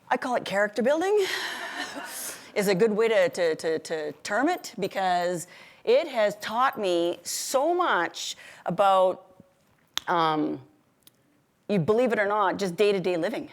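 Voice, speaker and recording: A middle-aged woman giving a motivational keynote, telling stories in a chatty, animated way, restarting sentences often and laughing a lot. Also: medium pitch, a little slow. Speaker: keynote speaker. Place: event stage before an audience.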